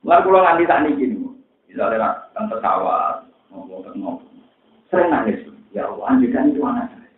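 A man with a Central Javanese accent preaching a religious lecture, telling stories in a lively way that mixes jokes and pleading. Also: lowish voice, fairly quick. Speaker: Islamic preacher. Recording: echoey, tinny lo-fi recording.

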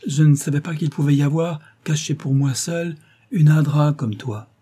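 An anxious young husband, pleading and pressing with urgent questions in a storybook reading, voiced by a male narrator. The husky, dark voice rises somewhat for him. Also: a little high, normal speed, pitched above the performer's own voice. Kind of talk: audiobook reading.

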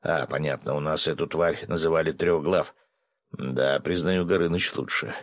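A man narrating a first-person adventure audiobook, brisk with coarse asides. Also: rumbling low, steady tone, dry recording.

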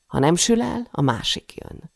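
A woman's voice: lowish voice, sing-song, creaky, no echo, clean studio sound. A woman narrating a first-person novel in a tense, intimate storytelling manner. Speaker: audiobook narrator.

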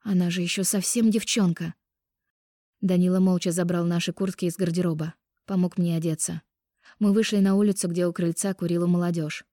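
A woman reading a first-person romance audiobook in an expressive, intimate way on a close microphone. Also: on the low side, no room sound. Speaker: audiobook narrator.

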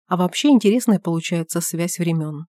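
A man's voice: sits high, no echo, clean studio sound, close to an everyday voice. A woman voicing an agitated, talkative man who keeps pressing his friend with questions, reading an audiobook. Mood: musing. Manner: excited rapid-fire questioning.

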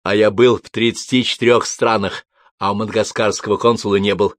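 A man voicing a boisterous horse husband who repeats his loud exclamations. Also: on the low side, little pitch movement, a little fast, no room sound, studio quality, close to an everyday voice. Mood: effusive.

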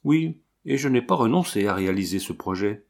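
A man voicing a devout, grave noble marquise who nurses wounded soldiers, speaking calmly and firmly. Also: lowish voice, a little fast, gravelly. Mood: solemn, resolute.

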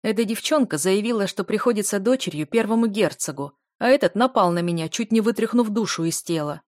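Arrogant male healer, read by a woman for an audiobook, mocking and loud, dry close sound. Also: medium pitch, a little fast, no echo, close to an everyday voice. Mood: smug. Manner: jeering, cackling. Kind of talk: audiobook character voice.

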